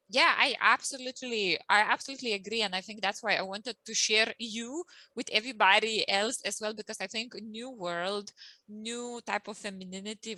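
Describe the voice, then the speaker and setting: A woman's voice: medium pitch, pushed and bright, dry recording, rough recording. A woman hosting an interview and introducing her guest, in casual speech with ums, restarts and slightly non-native phrasing. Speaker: host and emotional well-being coach.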